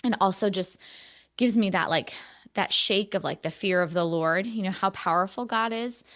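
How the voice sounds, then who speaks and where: A woman co-hosts a podcast, talking through a personal story in an earnest, reflective way. Her voice sits at a middle pitch, she leans on many fillers, and she sounds close to tears. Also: normal speed, a bit bright. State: emotional, near tears. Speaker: podcast co-host. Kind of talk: casual podcast conversation.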